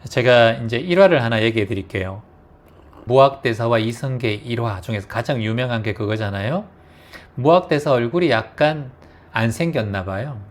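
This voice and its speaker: Brief: male dharma teacher, relaxed storytelling that acts out quotes. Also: mid-range voice, normal speed. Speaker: meditation teacher. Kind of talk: dharma talk.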